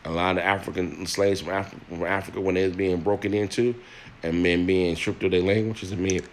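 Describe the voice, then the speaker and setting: Earnest deep-voiced man with restarts. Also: fairly bright tone, slight background noise. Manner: earnest, repeats words and restarts, addresses listeners as y'all. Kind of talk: personal monologue.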